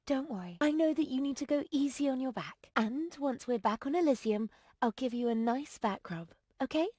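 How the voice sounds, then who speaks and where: An actress playing a spirited, sharp-tongued young woman in a game. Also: high-pitched, expressive, moderate pace, dry recording, clean studio sound. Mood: coaxing. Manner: sweet then fiercely scolding.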